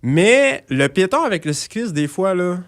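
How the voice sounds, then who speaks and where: A man's voice: high-pitched, very animated, normal speed. A man with a Québécois accent, a cyclist guest on a podcast, speaking thoughtfully and hesitantly with many restarts. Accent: Québécois French. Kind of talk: casual podcast discussion.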